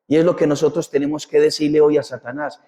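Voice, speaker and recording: A man's voice: a little high, flat delivery, fast talker, dark tone. A man preaching a sermon as a parish priest, impassioned and repetitive, with rhetorical questions. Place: church. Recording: long church reverb.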